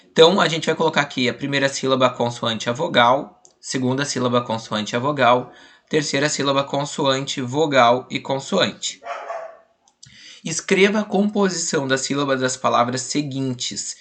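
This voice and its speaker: Young brazilian guy teaching kids online, goes slow over the letters, mid pitch. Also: fairly bright tone. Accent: Brazilian Portuguese. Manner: patient, spells out letters and syllables slowly. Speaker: primary school teacher. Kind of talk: online class walkthrough.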